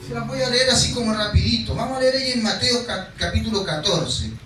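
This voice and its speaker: A man's voice: high-pitched, animated, brisk, distant mic, over music. A male pastor preaching, reading scripture aloud and then explaining it in a conversational way, sometimes acting out the cries of the people in the story. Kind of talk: sermon. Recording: echoey hall, speaker away from the mic.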